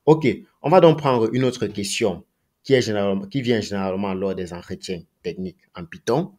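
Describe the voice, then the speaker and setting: A man's voice: lowish voice, a little fast, darkish tone. Man explaining code with rhetorical questions. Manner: thinks aloud, repeats himself, many rhetorical questions. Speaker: programming tutor. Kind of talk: screen-recorded coding tutorial.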